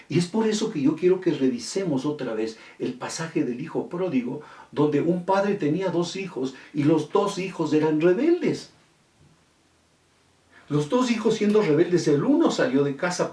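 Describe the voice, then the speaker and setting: A man's voice: a little high, a little mellow. A middle-aged male pastor preaching a sermon, telling a story and quoting the people in it. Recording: echoey room from far off.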